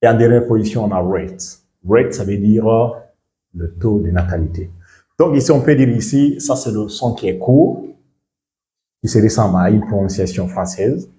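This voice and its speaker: Man, English teacher, lowish voice, mixes French and English, says "right?" a lot, echoey room. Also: normal speed, dark tone. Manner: switches between English and French, checks in with "right?" and "ok?". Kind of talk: bilingual pronunciation lesson.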